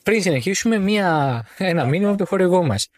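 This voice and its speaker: A man's voice: high-pitched, animated, no echo. A man co-hosting a casual podcast chat about motor racing, teasing and sarcastic. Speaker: podcast co-host.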